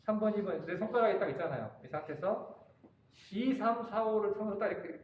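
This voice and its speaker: High-voiced man coaching in echoey room. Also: quick pace, phone-quality sound. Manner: directive, coaching volunteers. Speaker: instructor. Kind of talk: hands-on workshop demonstration. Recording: very echoey room, faint room noise.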